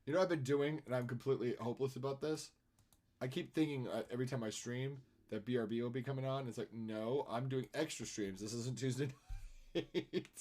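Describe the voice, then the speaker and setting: A streamer and artist chats casually on a live stream while drawing, speaking quickly with a medium-pitched, darkish voice. He is self-deprecating and often hums melodies.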